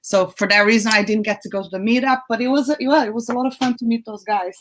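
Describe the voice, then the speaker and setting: A young woman from Brazil, a guest in a casual interview, chatty and laughing often, with halting restarts. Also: fairly high pitch, a little hiss or hum. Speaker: guest, YouTube creator.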